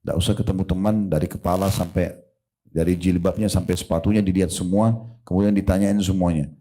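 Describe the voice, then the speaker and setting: A middle-aged man delivers a religious lecture. His voice is very low, with a dark and mellow tone. He tells stories and often turns to address the women in his audience directly. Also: fairly even intonation, fairly quick. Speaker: preacher.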